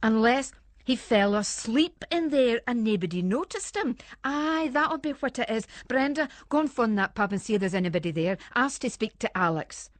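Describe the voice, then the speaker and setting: In a lightly acted radio-play style monologue, a woman voices a restless, fretting Scottish housewife who rambles nervously in broad, homely dialect. Her voice sits a little high, with lively intonation and a normal speed. The recording is dry and close, with no echo at all.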